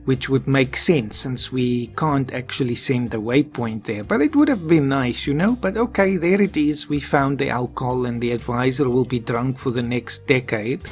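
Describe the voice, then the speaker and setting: A man's voice: mid-range voice, moderate pace, few pauses. Man thinking aloud over a game. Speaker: gameplay commentator. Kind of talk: let's play commentary. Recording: faint game music behind.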